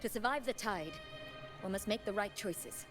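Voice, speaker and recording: An actress voicing a stern, proud woman who leads a noble house in a game, speaking firmly and in a measured way. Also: mid-range voice, music in the background, natural voice. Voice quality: firm, measured. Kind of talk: game voice acting.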